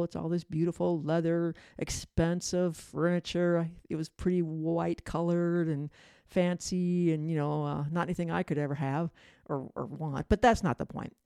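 A woman's voice: lowish voice, warm tone, clean tone, dry recording, clean studio sound. A middle-aged woman hosting a storytelling show, talking casually and rambling with many fillers and restarts. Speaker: host and storyteller.

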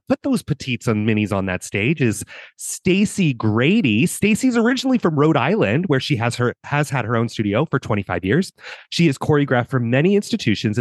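A man's voice: mid-range voice, no echo, studio quality. A man co-hosting a podcast, chatting in a playful, upbeat way and bantering with his co-host. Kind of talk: casual podcast chat.

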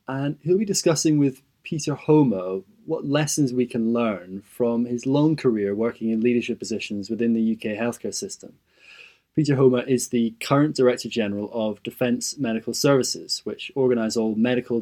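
A man presenting a podcast introduction in a clear, welcoming read. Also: mid-range voice, a little mellow. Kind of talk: scripted introduction.

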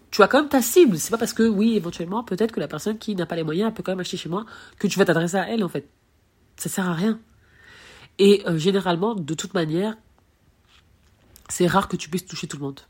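A young woman hosting a casual solo podcast on branding, bubbly and excitable, dropping English phrases into her talk. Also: on the low side, breathy edge.

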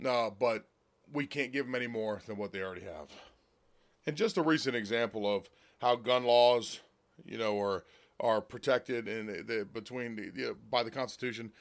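An American man with a raspy, slightly hoarse smoker's rasp, giving blunt, folksy political commentary as a solo host. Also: mid-range voice, moderate pace. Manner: blunt, folksy, emphatic with repetition. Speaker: political talk show host.

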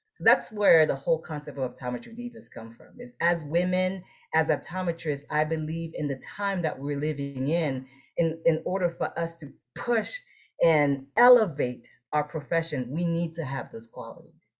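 A Haitian woman who is an optometrist and leadership coach speaks as an interview guest, earnest and assertive in a conversational way, repeating phrases for emphasis. Her deep voice is expressive and moderately paced. The recording sounds muffled.

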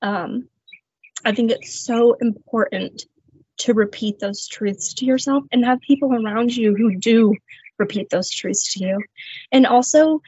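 A woman's voice: a little high, a little mellow, husky, no echo. A woman, a guest on a faith podcast, telling her personal testimony in an earnest, reflective way, with light laughs. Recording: slightly muffled, dry sound.

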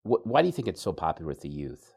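A man's voice: low voice, very animated, very fast, gravelly, a little mellow, breathy edge. A man hosting a talk interview, asking questions with dry sarcastic humor. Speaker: host.

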